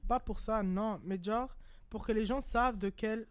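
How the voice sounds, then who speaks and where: A young woman speaks, as someone using a language that is not her first. She talks informally in a group discussion, halting now and then to find the word. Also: on the high side. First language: not French. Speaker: panel participant.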